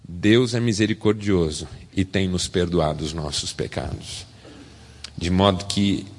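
A man with a Brazilian Portuguese accent preaching a sermon as a pastor, animated and swinging from loud to soft. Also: low voice, big-room sound.

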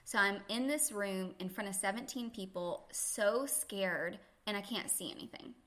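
Bright-voiced woman telling earnest stories. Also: medium pitch, normal speed. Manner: earnest, reflective, laughs easily. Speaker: yoga instructor, podcast guest. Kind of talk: faith-centered conversational storytelling.

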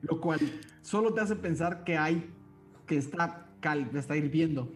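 A man's voice: on the high side, measured pace, soft background music. Man running a tabletop game. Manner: calls for rolls, describes effects. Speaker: game master.

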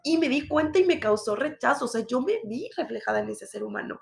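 Thirties woman, Mexican accent, high-ish voice full of vocal fry, blunt profane confessional vlogger. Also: expressive, a little fast. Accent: Mexican Spanish. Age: 30s. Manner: blunt and profane, mocks her own past self. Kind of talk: casual confessional monologue.

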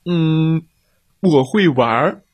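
A man's voice: on the high side, expressive, very slow, no echo, pitched above the performer's own voice, heavily acted. A man doing a jolly, sing-song pig. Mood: cheerful. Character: cheerful easygoing male pig, sing-song.

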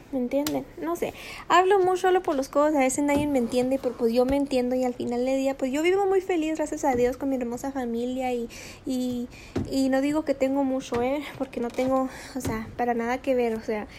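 A middle-aged woman with a high, girlish voice hosts her podcast in a casual, rambling motivational monologue, full of fillers and slipping into English now and then. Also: mellow, slight background noise. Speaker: podcast host.

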